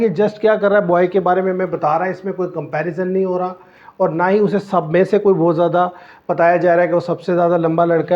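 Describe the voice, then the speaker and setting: A man teaching English grammar to students, explaining step by step and answering his own questions. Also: high voice. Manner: slows down and stretches out the English example sentences. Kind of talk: classroom-style grammar lesson. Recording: dull lo-fi recording.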